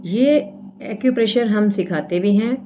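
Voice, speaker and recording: This casual acupressure demonstration comes from a woman from India who explains every step and checks in with her viewers often, saying "theek hai" repeatedly. Her voice sits mid-range and moves a little slowly. Lo-fi sound with a slight hiss or hum.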